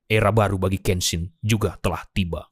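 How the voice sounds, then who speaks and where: A man's voice: low-pitched, steady tone, brisk, over loud music. A man narrating a film plot as a scripted story, in a dramatic but informal storyteller's manner.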